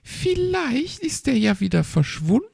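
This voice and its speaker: A man voicing a nosy, chatty female magpie in a storybook, with a shrill, chirpy, prying manner. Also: big pitch swings, a little slow, creaky, a little mellow, husky, no echo, clean studio sound, heavily acted. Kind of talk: storybook reading.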